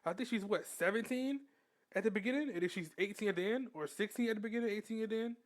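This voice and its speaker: A young man with a high voice talks fast while hosting a reaction video. He chats casually, often restarts his sentences, and keeps saying "bro".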